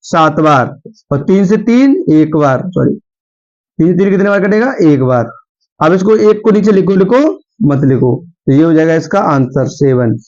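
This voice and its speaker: Teaching a math lesson at the board, a young man speaks a little slowly in a slightly high, animated voice with a darkish tone. He patiently repeats steps and asks his students questions, on a dull lo-fi recording.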